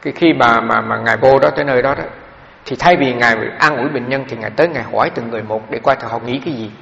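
Middle-aged monk rambling thru a dharma talk, gravelly voice, long hall echo. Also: male voice, mid-range voice, fast, a bit bright. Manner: conversational storytelling with frequent fillers. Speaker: Buddhist monk teacher. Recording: echoey hall, dull lo-fi sound.

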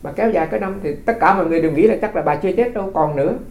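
Vietnamese monk telling folksy stories. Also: male voice, high voice, rapid-fire, darkish tone, roomy sound, low-quality recording. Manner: folksy storytelling, repeats words, chuckles. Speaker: Buddhist monk. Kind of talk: dharma talk.

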